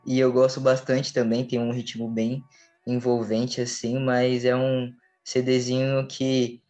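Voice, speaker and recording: A young man with a Brazilian Portuguese accent gives a casual music review at a middling pitch. His phrasing is informal and a little hesitant. Soft music sits behind his voice. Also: monotone, slow. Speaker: music podcast panelist.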